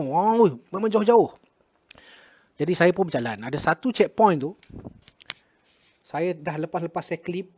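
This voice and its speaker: Man, Malaysian Malay accent, middle-aged, slightly high-pitched, dramatic storytelling, loud-to-hushed swings. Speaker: retired army officer. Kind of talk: emotional personal storytelling.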